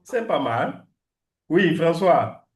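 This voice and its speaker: A man whose first language is French, teaching an English class and slowly repeating words for his students. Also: on the high side, sing-song. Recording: echoey room.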